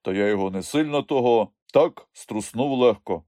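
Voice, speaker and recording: A man voicing a naive giant young highlander. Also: animated, normal speed, dark tone, no room sound, clean studio sound, close to an everyday voice. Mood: defensive. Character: huge young male highlander, naive and good-natured.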